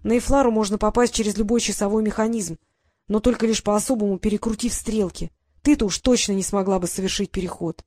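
A woman reading the part of an anxious, secretive young brother in an audiobook, speaking slowly and hesitantly. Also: medium pitch, steady tone, dark tone, no echo, studio quality, natural voice. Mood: urgent.

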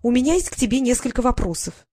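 A woman's voice: a little high, sing-song, fast, mellow, dry recording, studio quality, voice pushed up. A woman voicing a tiny, haughty female fairy courtier who lectures and gets irritated easily. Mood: prying. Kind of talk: audiobook character voice.

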